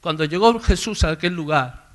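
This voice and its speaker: A man preaching a sermon in a conversational storytelling way, calling out names loudly. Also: fairly high pitch, normal speed. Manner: conversational storytelling, swells loud on names called out. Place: church service.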